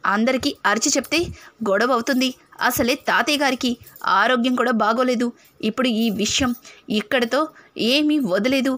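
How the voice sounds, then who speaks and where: A woman reading as a scheming mother laying out a plot to her son. She speaks slow and calculating in a high voice. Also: fairly bright tone, dry recording.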